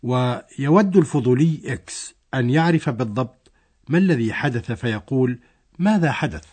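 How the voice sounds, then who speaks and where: A man's voice: mid-range voice, animated, normal speed, darkish tone, breathy edge. A man narrating a scripted language lesson, explaining a dialogue step by step.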